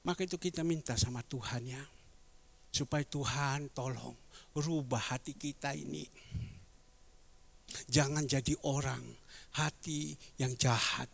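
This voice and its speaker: An older man preaching a sermon in a church, with an Indonesian accent and some Mandarin words, swinging from loud, high exclamations to low, quiet storytelling. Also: creaky, slightly rough. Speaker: pastor. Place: church hall.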